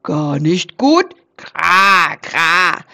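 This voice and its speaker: Woman doing a fussy croaking raven. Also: on the low side, very animated, drawn-out words, pushed and bright, voice pushed down, full character voice. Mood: alarmed. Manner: croaks "kra, kra" after every sentence; agitated and dramatic. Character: excitable croaking raven, male.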